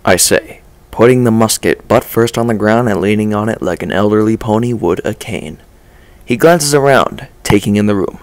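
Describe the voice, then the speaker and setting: A man reads a dark first-person story aloud. His low voice has a gravelly edge, and he narrates in a measured, low-key way. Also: dry recording. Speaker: story reader.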